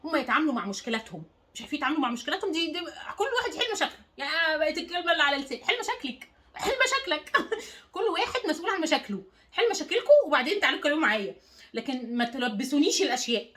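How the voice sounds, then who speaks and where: A woman's voice: high voice, expressive, racing, bright, forceful tone. A woman life coach with an Egyptian accent giving an emphatic motivational talk to the viewer, repeating words and phrases for stress. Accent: Egyptian Arabic.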